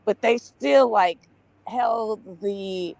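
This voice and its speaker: A woman's voice: medium pitch, extremely slow, creaky, a little mellow, no room sound, poor audio. A woman giving casual religious testimony in Rasta speech, exclamatory and rambling, often repeating her words. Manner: Rasta speech, with "ites", "overstand", "big up" and "brethren".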